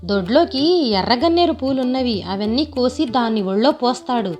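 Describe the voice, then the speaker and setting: Lady voicing an older village mom griping about her son-in-law, chatty, soft music under it. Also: fairly high pitch, animated, normal speed, natural voice. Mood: complaining. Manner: chatty, complaining storytelling.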